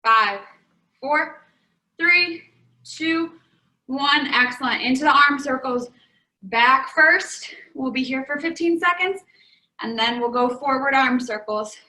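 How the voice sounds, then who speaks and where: Young woman fitness coach, high bright voice, counting down reps, a bit winded, echoey room. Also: a little slow. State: slightly out of breath. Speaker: fitness instructor. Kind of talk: guided workout instruction.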